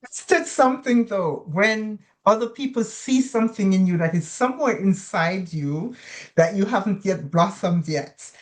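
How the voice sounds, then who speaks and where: A woman's voice: mid-range voice, animated, moderate pace. A woman hosting a nursing interview podcast, welcoming her guest in a chatty, affirming way. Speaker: podcast host.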